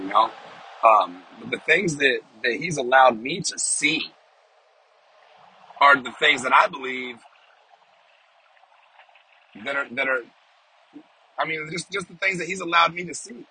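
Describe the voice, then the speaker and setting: Sitting in a parked small car, a podcast host with a medium-pitched, sharp, smoker's voice gives an informal, off-the-cuff sermon and prayer, coughing now and then. He speaks haltingly and repeats phrases for emphasis. The recording is rough with a little hiss or hum.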